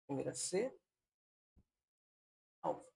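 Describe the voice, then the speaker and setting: A man's voice: takes it slowly, mellow. A man teaching a Portuguese grammar lesson online for exam prep, explaining step by step and repeating points on purpose so they stick.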